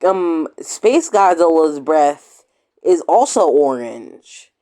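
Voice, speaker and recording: Male, reaction host, casual commentary, slow unhurried pace, hesitant, filler-heavy. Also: fairly high pitch, big pitch swings, mellow. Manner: rambling, hesitant, many fillers.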